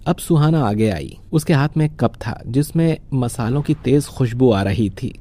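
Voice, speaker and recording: A man narrating a cartoon story in a calm, even storytelling manner. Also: mid-range voice, moderate pace.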